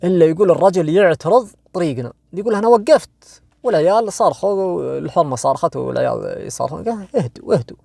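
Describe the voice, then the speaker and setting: Saudi guy telling a scary story, gravelly voice, kinda high, dry close mic, slows down for the creepy bits. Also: expressive, warm tone, no room sound. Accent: Saudi Arabic. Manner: conversational, asks listeners "you know?", frequent restarts; swings between quick asides and slow, dramatic drawn-out phrases. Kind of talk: retelling a jinn horror story.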